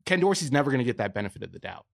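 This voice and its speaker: Male analyst guest, middle pitch, matter-of-fact sports breakdown, dry studio sound. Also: very animated, racing, gravelly, no echo.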